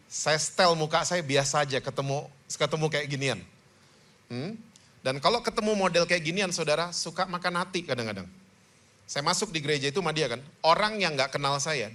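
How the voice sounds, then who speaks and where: Bright-voiced animated male preacher. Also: fairly high pitch. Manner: animated, with rhetorical "hmm?" prompts to the congregation. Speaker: pastor. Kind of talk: sermon.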